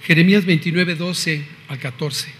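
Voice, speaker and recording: Man, Mexican accent, middle-aged, religious testimony, fairly high voice, echo of a large hall. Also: steady tone, moderate pace, fairly bright tone, slightly rough. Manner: earnest, quotes scripture, confessional. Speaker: speaker giving a testimony. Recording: reverberant hall.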